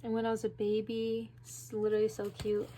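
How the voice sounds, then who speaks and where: A young woman giving a casual, chatty tour of her sketchbooks, excitable and full of fillers. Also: medium pitch, fairly quick, slight background noise. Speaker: vlogger.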